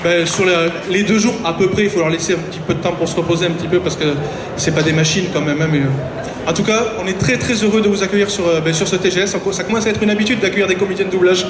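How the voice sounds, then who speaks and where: A man's voice: high voice, steady tone, rapid-fire, background noise. A man hosting a live event, making announcements to an audience from a stage. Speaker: event host. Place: large convention hall stage. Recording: echoey PA, music and crowd behind.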